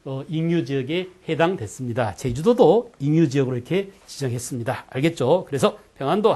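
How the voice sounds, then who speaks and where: A man's voice: medium pitch, dark tone. A man giving an exam-prep history lecture, quizzing students with questions and checking often that they follow. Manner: keeps checking in with students, asking "got it?".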